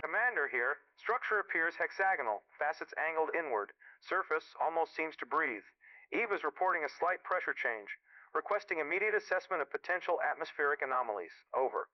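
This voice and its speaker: Man playing an astronaut commander, muffled space radio, dull lo-fi sound, somewhat high voice, terse procedural reports. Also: expressive, brisk. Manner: terse, procedural, ends each report with "over". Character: male astronaut commander exploring a lunar cave. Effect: muffled space radio transmission. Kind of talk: clipped radio-play dialogue.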